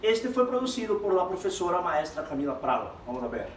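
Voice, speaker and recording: High, animated male teacher in an echoey room. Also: brisk. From Brazil. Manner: animated, explanatory, addresses students directly. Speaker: Spanish teacher. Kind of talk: classroom lesson mixing Spanish and Portuguese. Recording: echoey room, far from mic, faint background noise.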